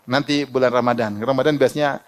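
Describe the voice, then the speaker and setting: A man's voice: mid-range voice, fairly even intonation, fast. A middle-aged man preaching a sermon, telling personal anecdotes, quoting Arabic and laughing often. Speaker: Islamic preacher.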